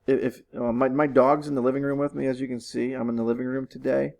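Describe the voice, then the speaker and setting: A man's voice: mid-range voice, level tone, fast talker, gravelly, a little mellow, poor audio. A man teaching his students from his living room, walking them through test questions patiently and repeating instructions. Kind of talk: recorded online lesson walkthrough.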